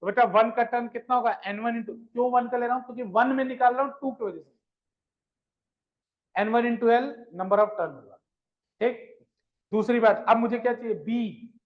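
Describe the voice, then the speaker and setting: A man's voice: extremely high pitch, moderate pace. A male physics teacher lecturing a live class, asking questions, repeating them, and coaxing his students along as children. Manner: addresses students fondly as children. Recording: dull lo-fi sound.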